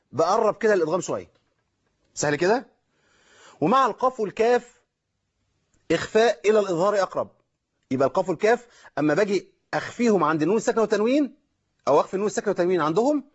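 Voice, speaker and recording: A fast-talking Egyptian man teaches Quran recitation on a call-in show, breaking each rule into small steps and checking in with listeners. His voice sits fairly high for a man, and the broadcast audio sounds muffled and lo-fi. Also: husky. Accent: Egyptian Arabic. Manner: explains step by step, checks in with listeners. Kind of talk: call-in tajweed lesson.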